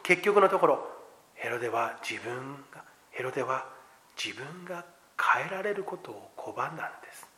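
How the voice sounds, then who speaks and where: A male pastor with a slightly high voice delivers a sermon in an earnest, testimonial manner. He swings sharply between hushed, almost whispered phrases and loud, emphatic lines, with measured pauses between thoughts.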